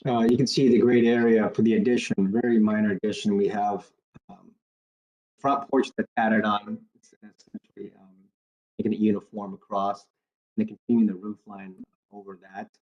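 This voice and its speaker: A man's voice: on the low side, level tone. Man on a garbled, breaking-up call. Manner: halting, with many fillers. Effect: garbled audio that keeps breaking up. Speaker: designer presenting a proposal. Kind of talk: remote presentation at a public meeting. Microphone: computer on a video call. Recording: dull, lo-fi video call audio.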